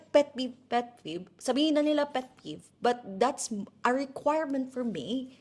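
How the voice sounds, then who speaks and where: A woman teacher from the Philippines with a loud, strong voice, chatting in an interview, lively, laughing easily and mixing English into her talk. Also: sits high, measured pace. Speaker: teacher guest. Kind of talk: casual interview chat.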